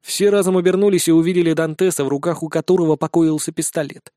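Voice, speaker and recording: A man reading a fantasy novel aloud with steady, dramatic narration. His voice sits fairly high, and it is recorded close and dry with no room sound. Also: fast, no room sound. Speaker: audiobook narrator. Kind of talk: scripted narration.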